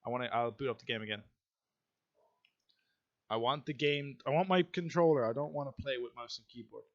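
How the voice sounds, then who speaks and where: A man's voice: mid-range voice, brisk, no echo. A man hosting a gaming channel, chatting casually while he plays and joking with his viewers in a playful, teasing way, laughing often. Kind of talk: casual let's-play commentary. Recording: dull lo-fi mic. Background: game music.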